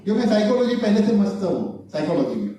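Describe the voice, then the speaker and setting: High-voiced male speaker, mellow and chuckling, tells comic life lessons, recorded far off in a reverberant hall with faint noise. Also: very animated, fairly quick. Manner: chuckles through his anecdotes. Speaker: motivational speaker at a business launch event. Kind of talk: humorous motivational storytelling. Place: large event hall.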